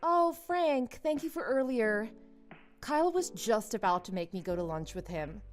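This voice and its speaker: Actress as young female office worker, friendly, confiding, lively high-ish voice, story drama, music behind. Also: normal speed, close to an everyday voice. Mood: grateful, warm. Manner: expressive, confiding.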